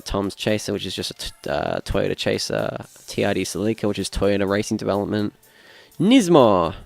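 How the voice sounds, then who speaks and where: In a dry recording, a gravelly, fairly low male voice belongs to a young Australian streamer playing a racing game. He comments casually, thinks out loud, and keeps drifting off mid-sentence.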